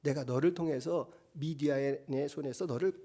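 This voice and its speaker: A man voicing a calm, reassuring male heavenly messenger in a low, gentle voice during a sermon. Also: moderate pace.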